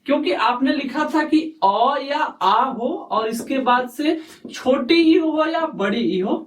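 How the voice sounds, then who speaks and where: A man teaching a lesson, speaking slowly and repeating himself, often asking questions and answering them himself. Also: very high-pitched, animated. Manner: slow, repetitive, quizzing himself aloud. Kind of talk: explaining a lesson at a board. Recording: echoey room, voice far from mic.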